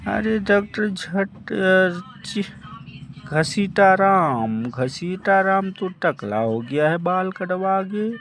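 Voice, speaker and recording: A worried, sensible thin cartoon sidekick, voiced by a man in an amateur dub. His voice sits a little high, and he speaks slowly and keeps repeating his cautions. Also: lively intonation, fairly bright tone, heavily acted. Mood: warning. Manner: repeating warnings.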